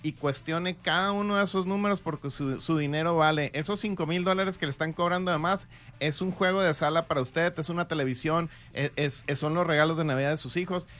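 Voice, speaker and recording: A man's voice: fairly high pitch, steady tone, a little fast, fairly bright tone. A man giving persuasive spoken advice on a radio show as a real estate adviser.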